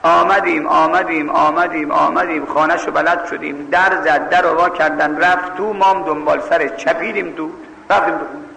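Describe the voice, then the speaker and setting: Gravelly preacher in an echoing hall. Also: male voice, fairly high pitch, fairly even intonation, few pauses, sharp tone. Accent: Mashhad Persian. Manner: emphatic, scolding, acts out voices. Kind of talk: sermon with story telling. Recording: echoey hall with long reverb, faint ambience.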